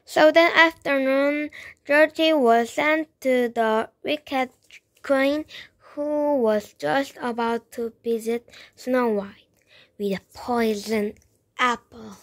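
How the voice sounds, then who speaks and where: Slow, gentle woman reading a children's story. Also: sits high, steady tone, no room sound. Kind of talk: children's read-aloud narration.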